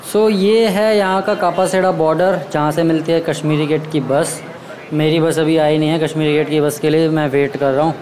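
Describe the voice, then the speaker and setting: A young Indian man vlogs his travels, chatting casually straight to camera and gesturing with his hands, his voice a little high with little pitch movement at a moderate pace. Filmed on a phone camera held at arm's length, both on a busy roadside in summer heat and in a small room at home, the audio is echoey, with loud street noise, traffic and crowd noise behind him.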